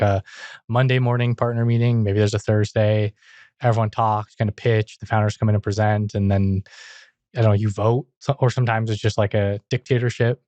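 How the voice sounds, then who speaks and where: A man's voice: lowish voice, darkish tone, no room sound. A young man hosting a podcast, chatting and asking questions in a casual, talkative way. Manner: chatty, questioning, uses "like" often. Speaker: podcast host.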